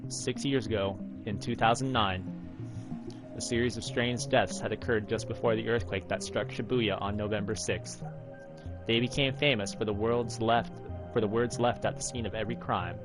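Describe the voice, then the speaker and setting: Over background game music, an American man in his thirties from Alaska narrates a visual novel's text in a dramatic read-aloud style. His pitch is fairly low and his intonation fairly even, his pace moderate, and the recording sounds rough.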